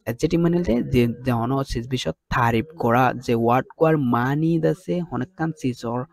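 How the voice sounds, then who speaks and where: A man teaches an English grammar lesson, mixing English terms into his speech. His voice sits at an ordinary pitch with a gravelly edge. He explains patiently and step by step, often stopping to check that his students are following. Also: fast, a little mellow.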